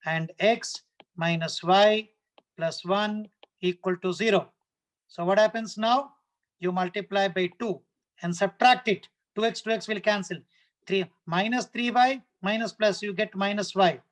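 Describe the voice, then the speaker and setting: Male maths tutor, South Indian accent, notably high voice. Talks a class through working step by step, repeating and checking often. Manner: didactic, repetitive, often checks understanding with short questions. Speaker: maths teacher. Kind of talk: live online maths lesson, working problems step by step.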